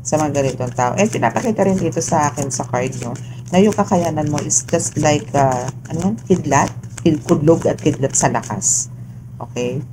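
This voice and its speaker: Low-voiced woman reading tarot. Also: moderate pace. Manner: chatty, mixing Tagalog and English, frequent tag questions. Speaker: tarot reader. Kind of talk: casual tarot reading to a viewer. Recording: steady background noise.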